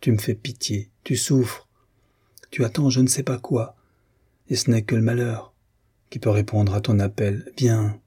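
Man reading a sneering jealous husband, low husky voice, audiobook reading. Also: steady tone, a little slow, warm tone. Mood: pleading, menacing. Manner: sneering, then nervous and brooding. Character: jealous, bitter middle-aged official husband.

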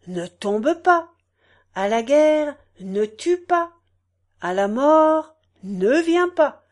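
A woman voicing a smug, greedy male election candidate who shouts grand promises in a storybook reading. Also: a little high, pitched above the performer's own voice.

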